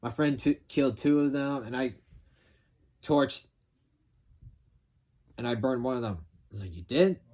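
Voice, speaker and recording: A man casually retelling a film's plot as a reviewer, rambling and animated, acting out quotes with some swearing. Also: medium pitch, measured pace, pauses often. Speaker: film reviewer.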